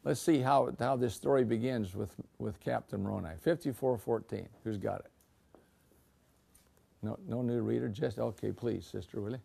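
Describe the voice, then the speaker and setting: An older man teaching a scripture class, asking the students questions and repeating words as he gets excited. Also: mid-range voice, normal speed, gravelly, husky.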